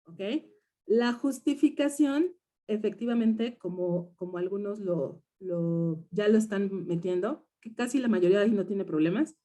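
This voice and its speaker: A woman's voice: medium pitch, normal speed, few pauses, dark tone. A woman with a Mexican Spanish accent teaching a research seminar, explaining step by step and checking in often with her students. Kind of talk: lecture to students.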